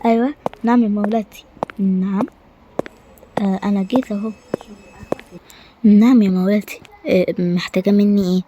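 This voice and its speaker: A woman with an Egyptian Arabic accent voicing a timid, loyal male knight who speaks hesitantly in a hushed tone. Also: medium pitch, fairly even intonation, brisk, pauses often, a little hiss or hum, close to an everyday voice. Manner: hesitant, hushed, with filler hums.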